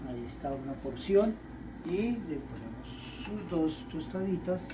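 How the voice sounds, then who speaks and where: A man, the vlogger's father, speaking gently and giving blessings at a family gathering. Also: a little high, lively intonation, a little slow, background noise.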